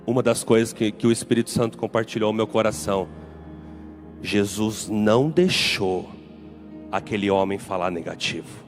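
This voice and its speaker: A man's voice: on the low side, moderate pace, faint music behind. A man with a Brazilian Portuguese accent, a pastor delivering a sermon in an emphatic, repetitive preaching style.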